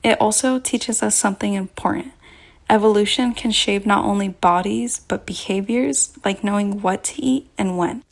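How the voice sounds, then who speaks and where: Creaky-voiced woman presenting a science explainer. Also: medium pitch, moderate pace. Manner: explanatory, addresses the listener directly. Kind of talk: scripted educational narration.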